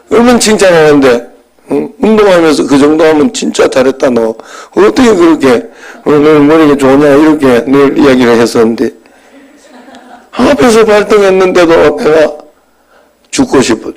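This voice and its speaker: Storytelling pastor in a chatty sermon. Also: male voice, medium pitch, low-quality recording. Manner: conversational storytelling, swings between animated and hushed.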